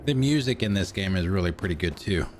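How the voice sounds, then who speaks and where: A man giving casual gameplay commentary, thinking aloud in an unhurried way as a streamer. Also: deep voice, lively intonation. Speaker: game streamer. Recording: game noise behind the voice.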